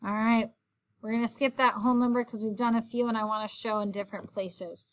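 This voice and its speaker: A woman's voice: fairly high pitch, fairly even intonation, fairly quick, dull audio. A woman teacher walking through a recorded math lesson, explaining each step in a friendly, patient way.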